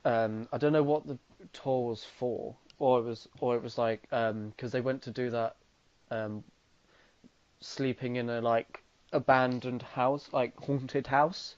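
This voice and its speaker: A man's voice: medium pitch, steady tone, unhurried, darkish tone, dry recording. A young man with an Irish accent co-hosting a podcast, cracking dry jokes and hesitating with fillers. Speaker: podcast co-host. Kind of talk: casual chat. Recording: dull lo-fi dry sound.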